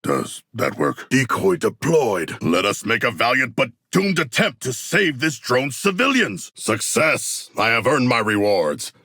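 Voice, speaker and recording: A man voicing a hulking shark-man in a video game, gravelly, formal and articulate, earnest yet bloodthirsty, with stilted deadpan phrasing. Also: mid-range voice, measured pace, hardly any pauses, dry recording, studio quality, heavily acted.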